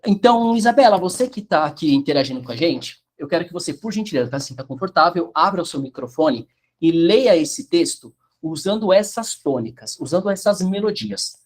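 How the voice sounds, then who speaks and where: A man's voice: high-pitched, animated, brisk. A man teaching Italian pronunciation in an online class, explaining with a sing-song lilt and checking the chat.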